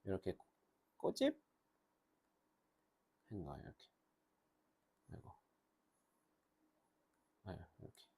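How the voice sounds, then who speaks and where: Animated husky-voiced male grammar teacher. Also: deep voice. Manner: animated, switches between Korean and slow, drawn-out English phrases. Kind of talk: lively classroom lecture.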